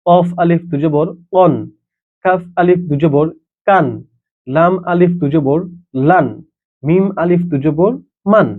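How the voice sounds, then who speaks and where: A man with a fairly high voice teaches Quran reading at a very slow pace, spelling out each letter and vowel mark and repeating every syllable. He sounds patient and methodical. The recording is tinny and narrow, like a phone line.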